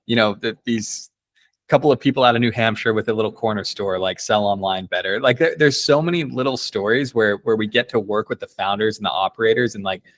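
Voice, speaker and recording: A man who is a company co-founder, guest on a podcast, speaking in a relaxed, casual way with some mild swearing. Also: on the low side, a little fast, no echo. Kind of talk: casual interview chat.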